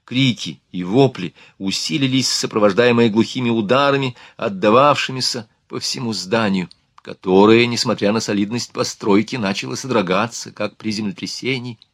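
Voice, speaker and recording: A man narrating an audiobook in a steady, expressive reading. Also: on the low side, normal speed, dry recording, clean studio sound. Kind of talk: scripted narration.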